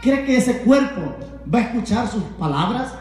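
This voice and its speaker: Male evangelist, high voice, fervent sermon with constant amens, recorded in a very echoey room. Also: lively intonation, normal speed, darkish tone. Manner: fervent preaching, rhetorical questions, repeated amens. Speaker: evangelist preacher. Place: home.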